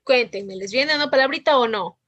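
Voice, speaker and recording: A woman's voice: a little high, fairly quick, a bit bright, lo-fi sound. A woman teaching a literature class over a video call, patient and asking questions often. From Ecuador. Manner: patient, checks in with frequent questions. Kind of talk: online class lesson.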